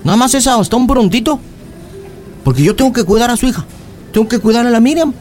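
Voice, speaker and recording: A man's voice: very high voice, lively intonation, quick pace, darkish tone, faint music behind. A man voicing a pleading young boyfriend in a radio prank call. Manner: pleading, swears oaths, wheedling.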